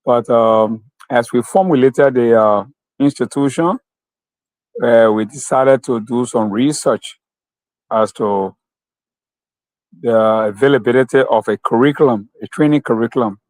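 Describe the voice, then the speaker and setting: A man from Liberia with a Liberian English accent, answering interview questions slowly and carefully, with many fillers. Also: medium pitch, darkish tone, no room sound, rough recording. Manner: slow, measured, with many fillers. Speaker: guest, company founder.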